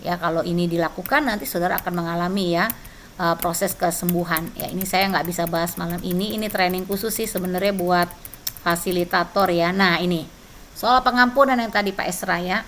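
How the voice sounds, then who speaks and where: Brief: woman church trainer, bright tone, conversational teaching, faint background noise. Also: fairly low pitch, fairly even intonation, brisk. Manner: conversational, frequent tag questions. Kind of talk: teaching with personal testimony.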